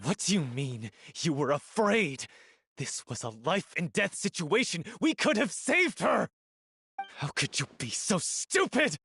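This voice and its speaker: A man voicing a hot-tempered young troupe actor in a video game, shouting emotional accusations. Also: on the high side, very animated, measured pace, slight background noise, full character voice. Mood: furious.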